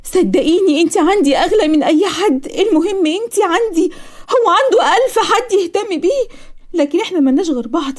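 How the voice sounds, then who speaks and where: A woman's voice: fairly high pitch, racing, dark tone. A woman with an Egyptian accent voicing an earnest young nurse in a cartoon story, speaking in a raised, pleading voice.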